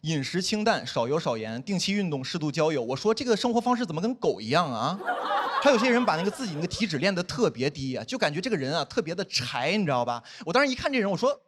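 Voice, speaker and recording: A young man performing a stand-up comedy set on stage, acting out quoted dialogue. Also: fairly high pitch. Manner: animated, quick-talking, acts out quoted dialogue. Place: comedy stage before a live audience.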